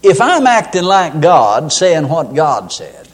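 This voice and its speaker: Man preaching in church, fairly high voice, animated delivery, homespun jokes. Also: slow. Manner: folksy, humorous storytelling. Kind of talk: sermon.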